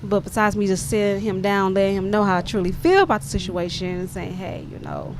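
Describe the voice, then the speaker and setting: A woman's voice: mid-range voice, fast. A woman with a Southern US accent, talking animatedly in a casual panel chat. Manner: animated, laughing, talkative. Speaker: panel guest. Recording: noisy background.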